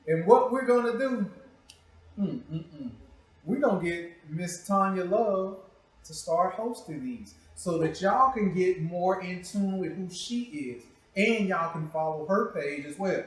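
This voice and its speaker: Heavy echo and a distant microphone surround a high, animated male voice speaking at a measured pace. He's hosting a talk show, chatting casually with plenty of swearing and playful ribbing, and he has a habit of repeating himself.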